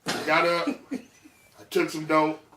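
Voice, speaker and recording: A man's voice: fairly high pitch, completely flat delivery, takes it slowly, sharp tone, roomy sound, distant mic, a little hiss or hum. A man hosting a casual podcast chat, laid-back and joking, fighting a winter cold that makes him sound a bit nasal. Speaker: podcast host.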